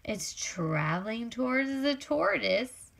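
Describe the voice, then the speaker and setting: The author of a picture book reads it to small children very slowly, her high, bright voice very animated yet gravelly, delivered in an exclamatory sing-song style. Faint noise lingers behind her.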